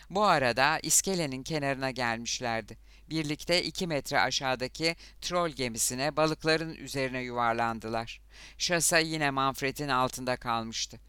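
Male narrator, bright crisp tone, dry close-mic studio read, dramatic fight-scene pacing. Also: medium pitch, no echo. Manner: steady dramatic reading, lifts voice for shouted quotes. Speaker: audiobook narrator. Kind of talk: scripted narration.

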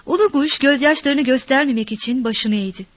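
A woman reading a village story aloud in a measured, expressive narration. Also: sits high, no room sound.

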